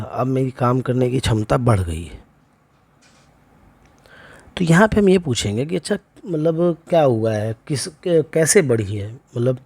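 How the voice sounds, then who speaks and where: A man's voice: fairly high pitch, darkish tone. A man teaching homeopathy, going through a chart and listing remedy names one after another with frequent check-ins. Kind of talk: lecture walking through a chart.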